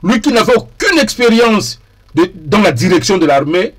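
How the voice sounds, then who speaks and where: A man speaking in a deliberate, emphatic way and repeating key phrases for weight, as a TV political commentator. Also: high voice, very animated, a bit bright. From DR Congo.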